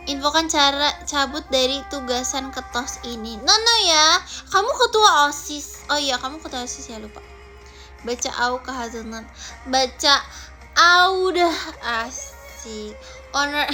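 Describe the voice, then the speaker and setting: A playful young woman chats to her viewers during a home livestream, reading their comments aloud and teasing them. Her voice sits high and sounds bright and sharp. Faint music plays behind her. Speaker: live streamer.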